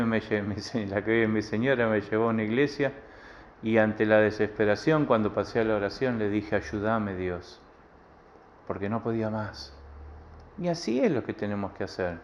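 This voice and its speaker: A man's voice: fairly low pitch, slight background noise. A male pastor with a Rioplatense accent giving a sermon in a plain, conversational way, often repeating phrases. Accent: Rioplatense Spanish. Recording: dull lo-fi recording with faint ambience.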